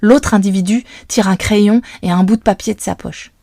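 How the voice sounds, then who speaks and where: Calm woman reading a children's story. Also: medium pitch, moderate pace, no echo, clean studio sound. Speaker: audiobook reader. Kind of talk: children's audiobook narration.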